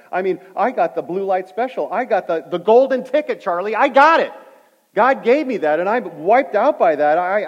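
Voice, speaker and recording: A middle-aged male pastor preaching a sermon, swinging from loud emphatic points to hushed, quiet stories. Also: high voice. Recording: dull lo-fi sound with hall reverb.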